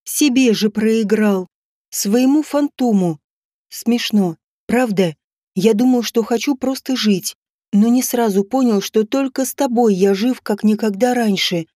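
A woman voicing a jealous, brooding young husband, speaking low and slowly with heavy breathing. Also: warm tone, dry recording, studio quality. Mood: pleading.

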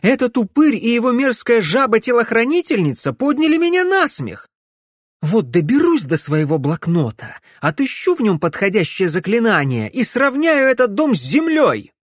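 A man's voice: high-pitched, big pitch swings, normal speed, no room sound, studio quality, pitched above the performer's own voice. A man voicing a hot-tempered young sorceress in an audiobook, indignant and sputtering.

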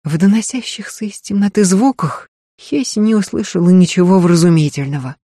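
A man's voice: high-pitched, mellow, dry recording. Man narrating an audiobook, dry sound. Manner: measured storytelling.

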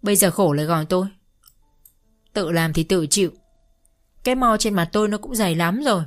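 A woman's voice: on the low side, brisk, natural voice. Woman voicing a fed-up old father-in-law. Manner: gruff, scornful rebuke. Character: weary, fed-up older village father-in-law.

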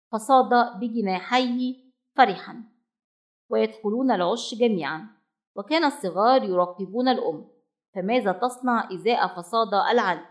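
A woman narrating a children's storybook in a measured, expressive reading voice. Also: a little high.

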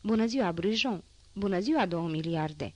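A woman's voice: on the low side, animated. Stern, curt police inspector, read by a woman. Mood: curt, mocking. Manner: curt, dry and commanding.

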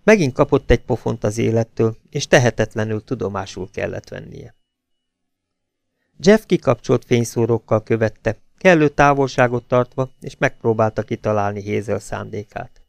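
A man reads a novel aloud in a steady, even narration. His voice has a gravelly edge, and the recording is close and dry with no room sound. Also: mid-range voice, no echo. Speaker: audiobook reader. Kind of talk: audiobook narration.

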